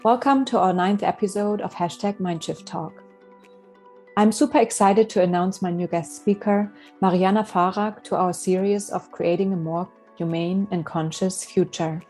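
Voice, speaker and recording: Over quiet music, a woman hosting a podcast speaks in a lowish voice with fairly even intonation. She delivers her scripted intro and interview questions in a measured way, then murmurs soft mm-hmms of agreement.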